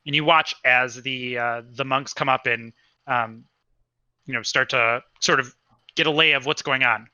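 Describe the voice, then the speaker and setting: Bright-voiced casual game master. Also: male voice, medium pitch, steady tone, normal speed, no echo, highs cut off. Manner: casual, rambling, many fillers. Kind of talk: narrating a tabletop game.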